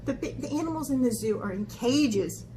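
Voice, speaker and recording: A woman hosting a children's art camp talks in a chatty, casual way to young viewers, partly reading aloud. Her high voice is animated and warm at a moderate pace, and the background noise is clear.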